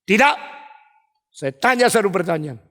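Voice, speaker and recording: A proud young emperor voiced by a preacher, his high voice climbing as he presses question after question. The sound rings with a long reverb, as if spoken in a big hall. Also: big pitch swings, normal speed, sharp tone, exaggerated voice. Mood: demanding. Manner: rising, insistent questions. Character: young conquering emperor, proud then weeping.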